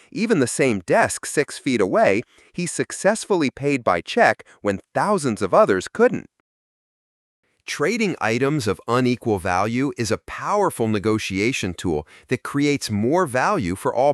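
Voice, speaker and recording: A man reading a scripted explanation in an even, explanatory delivery. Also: mid-range voice, no echo, studio quality. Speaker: narrator. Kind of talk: scripted narration.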